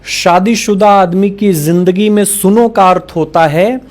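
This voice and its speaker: A man's voice: high-pitched, fairly even intonation, a little slow, background noise. A man reading out a string of jokes and acting out the quoted lines. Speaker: joke teller.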